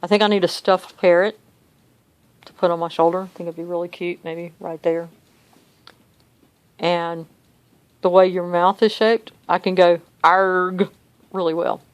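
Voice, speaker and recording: A woman's voice: on the low side, fairly even intonation, normal speed, long pauses, a little mellow, smooth. An older woman talks in a chatty, upbeat, self-joking way in a casual personal video diary. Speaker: vlogger.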